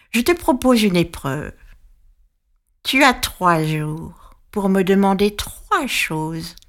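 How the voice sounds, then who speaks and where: A woman voicing a spiteful old female witch in a storybook reading, with a thin, sour voice and a mocking, drawn-out way of talking. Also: mid-range voice.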